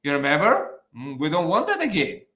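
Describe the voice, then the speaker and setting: With huge pitch swings and a bright, forceful tone, this guest speaks on the high side and fairly quickly. He's a petition campaigner from Ukraine, in the former Soviet Union, with an Eastern European accent, ranting bluntly in conversation, swearing and repeating himself. The recording echoes in a roomy space.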